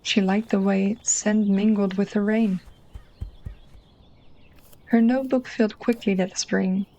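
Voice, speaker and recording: A woman with a Dutch accent narrating a literary short story in a soft, mellow voice. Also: medium pitch, steady tone, unhurried, muffled recording.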